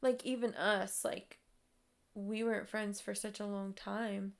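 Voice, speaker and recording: A woman's voice: medium pitch, a little slow, vocal fry. Chatty young woman telling a story. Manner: animated, filler-heavy, swearing. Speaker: vlogger. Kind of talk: casual storytelling chat.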